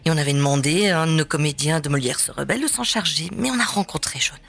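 Woman, theatre director, searching for words, gravelly, low pitch. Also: fast talker, a bit bright, soft background music. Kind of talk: radio interview chat. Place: radio studio.

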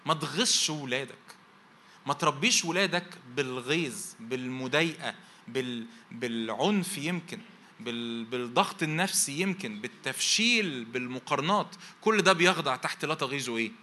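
Brisk and bright, this medium-pitched pastor speaks with a forceful, expressive tone and an Egyptian Arabic accent, over slight hiss or hum. His sermon piles up phrases in repeated lists, and rhetorical questions cue the congregation to complete each verse.

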